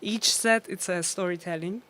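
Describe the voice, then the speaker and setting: A woman DJ chats through an interview. Her voice is smooth and resonant, and she laughs often as she tells her stories, with plenty of ums and uhs along the way. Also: fairly low pitch, normal speed, sharp tone. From Iran. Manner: laughs often, storytelling with many fillers. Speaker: DJ and guest. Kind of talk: casual interview.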